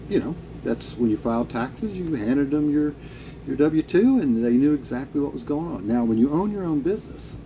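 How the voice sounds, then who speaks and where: A middle-aged American man speaks off the cuff in a blunt, salty biker manner. His voice sits at an average male pitch. He is casual and opinionated, recorded with a noticeable steady room hum behind him. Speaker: vlogger answering a viewer's question.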